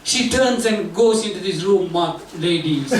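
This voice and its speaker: An older man from Sri Lanka telling a self-mocking comic story to an audience, jumping into high squeaks when he acts out his own panic. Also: a little slow, reverberant, distant mic, a little hiss or hum, rough recording. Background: audience laughter and room ambience.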